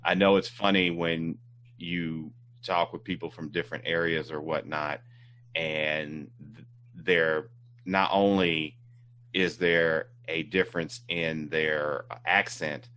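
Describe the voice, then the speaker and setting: A man's voice: extremely low pitch, fairly even intonation, slow pace, pushed and bright, slight background noise. A man from Indiana hosting a casual interview, rambling with many fillers and restarts. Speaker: talk show host.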